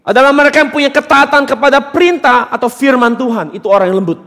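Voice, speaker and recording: A man's voice: very high voice, fast talker, a bit bright, big-room sound. A man preaching a sermon as pastor, questioning and teasing his congregation with emphatic points. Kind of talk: interactive sermon. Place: church hall during a service.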